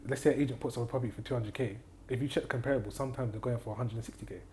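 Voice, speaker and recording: A guest on a casual podcast interview, a property investor and trainer, gives advice confidently, repeating key phrases and checking in with "do you get what I mean" to make sure the listener follows. His medium-pitched voice is steady, rapid-fire, and darkish, with slight background noise.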